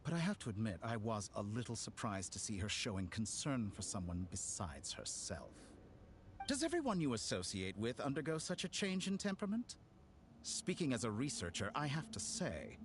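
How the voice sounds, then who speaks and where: An actor playing a smug, theatrical villain scientist in a video game, polite yet mocking and grandiloquent. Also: male voice, lowish voice, a little hiss or hum.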